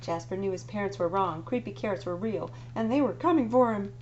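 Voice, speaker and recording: A children's librarian with a medium-pitched voice reads a picture book aloud fairly quickly, playing up the drama and sinking to a whisper in the spooky moments. The recording is dull, lo-fi and noisy.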